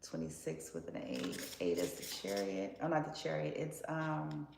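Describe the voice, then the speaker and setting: A woman's voice: deep voice, very animated, moderate pace, gravelly. A woman giving a casual tarot reading in a blunt, profane, sassy way. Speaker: tarot card reader. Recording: roomy echo with faint background noise.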